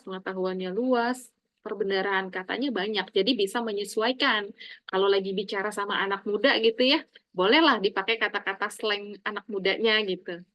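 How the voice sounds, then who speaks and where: A middle-aged woman lecturing her students, speaking in an animated, emphatic way and addressing them fondly as her children. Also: dry recording, poor audio. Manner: animated, addresses listeners as "Nak", emphatic swings in pitch and loudness.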